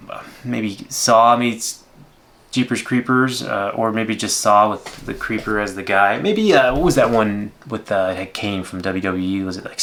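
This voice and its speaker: A man in his thirties with a fairly low voice gives casual film commentary. He talks in a rambling, conversational way as the host of a reaction video. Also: creaky, fairly bright tone.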